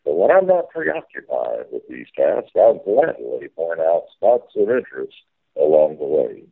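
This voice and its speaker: A man's voice: extremely low pitch, wildly swooping pitch, unhurried, creaky, phone-quality sound, heavily acted. A man playing a folksy, hearty riverboat captain in a theme park ride spiel, calling to crew and passengers. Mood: folksy, jovial. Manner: folksy, calls orders to crew.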